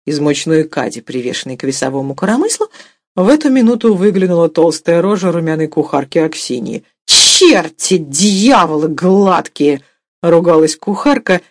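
A woman narrating a classic story aloud as an audiobook reader, with expressive, varied delivery. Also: low voice, dry recording, clean studio sound.

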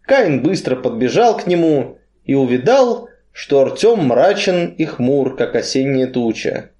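A man reading literary prose aloud as a storybook narrator, in a measured, expressive way. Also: mid-range voice.

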